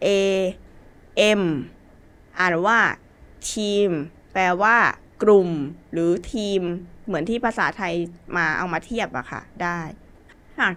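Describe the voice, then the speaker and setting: A woman's voice: mid-range voice, slow pace, fairly bright tone. A woman with a Thai accent teaching a basic English lesson, spelling words out letter by letter in a patient way.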